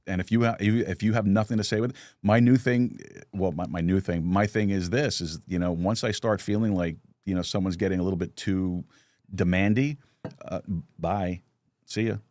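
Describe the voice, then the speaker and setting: A man's voice: sits low, fairly even intonation, normal speed, darkish tone, no echo. A middle-aged man hosting a live talk show, telling stories with many restarts and chuckles. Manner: storytelling with lots of restarts and chuckles. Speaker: podcast host. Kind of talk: casual live chat.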